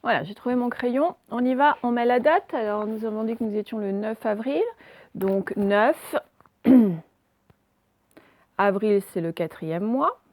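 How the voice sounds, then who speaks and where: A woman teaching a recorded phonics lesson to young pupils, slowly and carefully pronouncing example words. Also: fairly high pitch, darkish tone, no room sound. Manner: slow, carefully articulated words for dictation. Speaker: primary school teacher.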